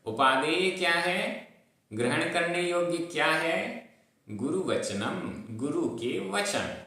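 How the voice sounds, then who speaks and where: A man's voice: a little high, animated, slow, pushed and bright. A man teaching a lesson on reciting verses, patiently repeating syllables to drill their pronunciation. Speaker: Prakrit teacher. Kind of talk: recorded lesson on chanting and meaning of Sanskrit verses. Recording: very echoey room.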